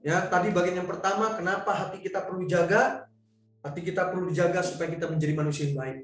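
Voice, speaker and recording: A man's voice: high voice, steady tone, fast talker. A male pastor preaching a sermon, telling a story emphatically and often addressing the congregation directly, in a church hall. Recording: echoey hall from far off, faint music.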